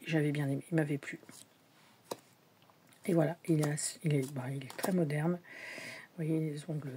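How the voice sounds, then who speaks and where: Casting: woman, lowish voice, casual hesitant show-and-tell chatter, faint room noise. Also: warm tone. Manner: chatty, hesitant, many fillers, drops to whispers at times. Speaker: tarot deck collector showing decks.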